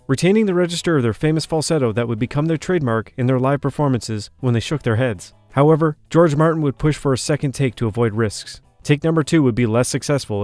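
A man's voice: mid-range voice, darkish tone, no echo. A man reading a scripted documentary narration, shifting his emphasis from phrase to phrase.

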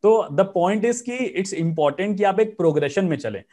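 A man's voice: high voice, animated, measured pace, warm tone. A man hosting an interview as an exam coach, speaking Hindi mixed with in an earnest, explanatory teaching tone.

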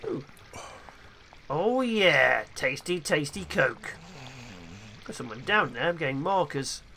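A man's voice: a little high, slow pace, vocal fry, a little hiss or hum. A man giving playful, theatrical gameplay commentary as a gaming video host. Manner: excitable, theatrical.

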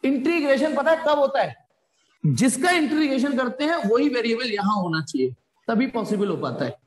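A man teaching physics in a live online class, joking and coaxing students to answer quickly. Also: extremely high pitch, very animated, echoey room.

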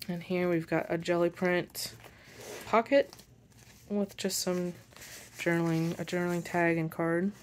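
A woman walking through her handmade journal page by page in a casual show-and-tell, unhurried and pausing as she handles the pages. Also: on the low side, little pitch movement, a little hiss or hum. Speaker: journal maker and shop seller.

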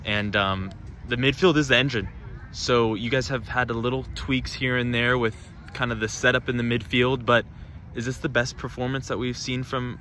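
A man's voice: medium pitch, pushed and bright. A man interviewing players after a game on an outdoor field at night, asking long, rambling questions with many restarts. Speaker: sideline interviewer.

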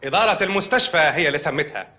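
An actor playing a matter-of-fact hospital doctor in a TV comedy series. He speaks with an Egyptian Arabic accent and delivers absurd news deadpan. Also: fairly high pitch, very fast.

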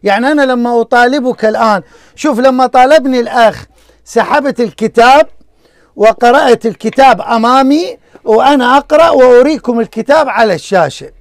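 A man moderates a heated call-in debate in a very high voice. He talks quickly and insistently, pleading and repeating himself. The sound is dry and close. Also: no room sound. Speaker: debate show host.

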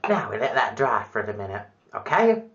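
A man's voice: fairly low pitch, very animated, moderate pace, fairly bright tone, dull audio, slight background noise. A man presenting a comic spoof makeup tutorial in a chirpy, mock-instructional patter.

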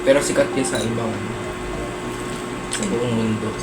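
A man's voice: medium pitch, fairly even intonation, a little slow, reverberant, heavy background noise. A Filipino man chatting casually and bantering as a companion at a meal. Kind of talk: casual chat.

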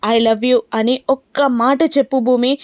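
A woman's voice: on the high side, little pitch movement, a little slow, dry recording, natural voice. Woman reading a young guy begging his girl, urgent, dry close sound. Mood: pleading. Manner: urgent, pleading. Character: young man pleading with his love.

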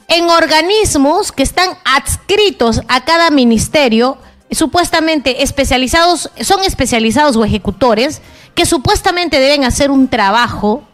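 A woman's voice: sits high, a bit bright. A middle-aged woman journalist giving impassioned political commentary, indignant and emphatic, talking straight to the listener.

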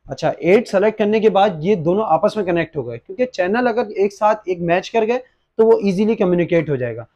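An online gadget shop's young presenter, Pakistani-accented, explains a product unboxing from his desk in a small studio, slipping English words in. He's expressive and a little fast, with a high-pitched yet dark-toned voice, and the recording sounds muffled.

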